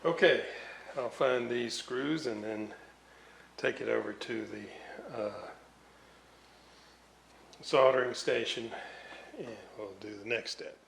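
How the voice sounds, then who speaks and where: A man who repairs radios as a hobby and hosts videos narrates his hands-on work in an indoor workshop, unscripted and thinking aloud as he goes. His medium-pitched voice is slow and a bit bright, with vocal fry and frequent pauses. The room echoes, and background noise is noticeable.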